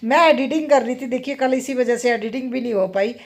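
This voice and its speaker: A woman's voice: fairly high pitch, fast, darkish tone. A woman in her thirties chatting casually in a home vlog, rambling and often adding tag questions. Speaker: vlogger and mother.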